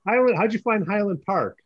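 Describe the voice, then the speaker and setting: A man's voice: high-pitched, lively intonation, normal speed, breathy edge, no room sound. A joking man from New York hosts a casual interview and tosses out wisecracks between his questions. His voice comes through dry and slightly muffled, on a lo-fi recording. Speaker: show host.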